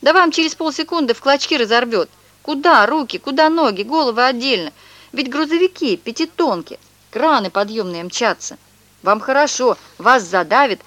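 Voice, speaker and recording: A woman's voice: medium pitch, fairly bright tone, no room sound, natural voice. A woman reading aloud and voicing a tall young male swindler who sobs, wails and talks in slang, in a storybook reading. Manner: theatrical sobbing and wailing, slangy.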